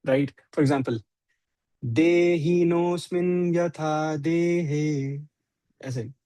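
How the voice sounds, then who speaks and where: A man's voice: a little high, mellow, no room sound. A man with an Indian accent teaching a scripture class, mixing Hindi and English and often asking "right?".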